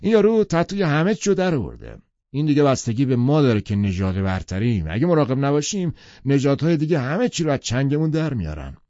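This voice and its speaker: A male narrator voicing a brash, opinionated wealthy man who lectures forcefully. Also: mid-range voice, very animated, no echo, dull audio, voice pushed up, natural voice. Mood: blustering.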